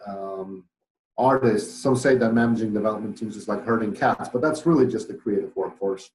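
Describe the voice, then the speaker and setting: A middle-aged business owner from Poland, speaking with a Polish accent, is a podcast interview guest who talks thoughtfully, using many fillers and restarting sentences. His medium-pitched voice has a darkish tone, and the rough recording sounds roomy.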